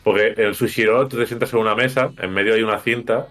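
Lowish-voiced man, casual and foul-mouthed podcast co-host telling a story. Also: fairly even intonation, quick pace, a bit bright. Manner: crude, joking, swears freely. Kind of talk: casual chat.

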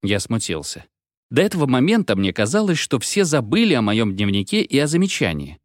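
A man reading a story aloud in an expressive storybook narration. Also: mid-range voice, a little fast, dry recording, studio quality. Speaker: audiobook reader.

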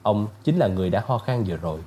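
A male narrator reading an audiobook in a steady, even storytelling voice. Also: lowish voice, fast, soft background music.

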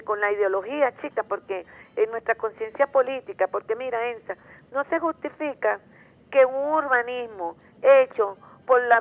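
Rambling Venezuelan woman on a phone line. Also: a little high. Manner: rambling, repetitive, indignant. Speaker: caller. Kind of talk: phone-in call to a radio show.

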